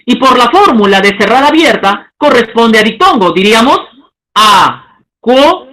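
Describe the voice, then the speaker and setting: A man teaching a lesson, stretching out example words slowly and checking in with the class. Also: very high-pitched, expressive, pushed and bright, rough recording. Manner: slow, drawn-out spelling of example words; checks in with listeners, asking okay.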